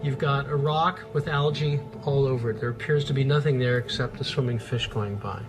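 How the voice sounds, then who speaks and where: A man's voice: mid-range voice, steady tone, a little fast, over music. A man speaking as a scientist in a documentary, explaining in an enthusiastic, marveling way without a script. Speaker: marine biologist, interview subject.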